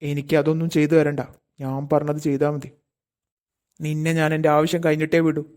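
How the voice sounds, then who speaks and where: An actor voicing a possessive, cruel adult male abductor in a cartoon. He speaks, coaxing and threatening in a slow, insistent way. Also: medium pitch, level tone, darkish tone, natural voice. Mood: menacing. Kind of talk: cartoon voice acting. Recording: music playing faintly underneath.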